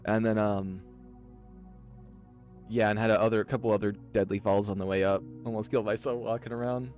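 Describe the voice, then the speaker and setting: He talks fairly quickly in a low-leaning, level, darkish voice over soft background music. The man, from Oregon, casually tells rambling, filler-laden anecdotes while playing a visual novel for his let's play.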